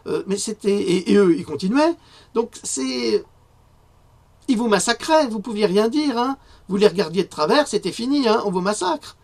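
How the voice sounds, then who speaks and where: A man giving a spoken press review, indignant and hesitant, often pausing on fillers before rising to outrage. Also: sits high, lively intonation, gravelly, a little mellow. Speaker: independent press commentator.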